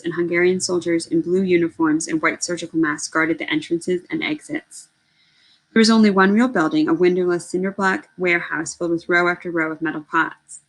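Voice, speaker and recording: A woman reads a novel aloud with earnest, expressive delivery. Her voice sits a little low for a woman, and she now and then corrects a word as she goes. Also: poor audio. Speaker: reader.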